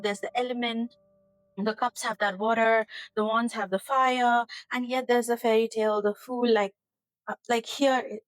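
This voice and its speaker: A woman's voice: fairly high pitch, dry recording, rough recording. Earnest, rambling woman chatting to camera. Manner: rambling, earnest, gets emotional and laughs. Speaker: tarot channel host. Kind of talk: casual chat to camera. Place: home kitchen.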